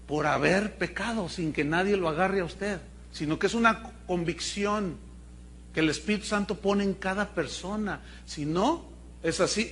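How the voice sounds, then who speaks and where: A man with a Mexican accent preaching a sermon in a lively, colloquial, storytelling way. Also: sits high. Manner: animated, colloquial, humorous storytelling. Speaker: pastor.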